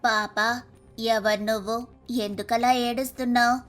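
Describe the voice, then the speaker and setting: This is a kind, helpful female crow from a cartoon story, played by a woman. She talks gently and calmly, in a fairly high voice. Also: unhurried, soft background music, natural voice. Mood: concerned.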